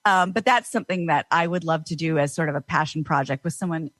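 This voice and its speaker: A woman voice actor chatting as a guest on a podcast interview, animated and exclamatory. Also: sits low, fast, no room sound.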